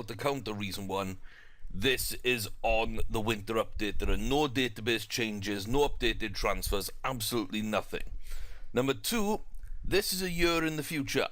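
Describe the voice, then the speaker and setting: Still playing his football management game, the young South Welsh YouTuber talks in a loose, casual way, peppered with fillers and false starts. He has a mid-range, slightly bright voice, and the recording is dry.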